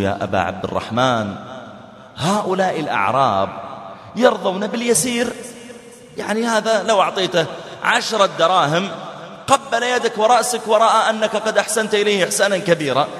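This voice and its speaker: A man's voice: sits high, animated, fairly quick, fairly bright tone. A man preaching a sermon, telling stories and acting out the dialogue dramatically with big swings in his voice. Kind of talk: sermon storytelling. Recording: echoey hall.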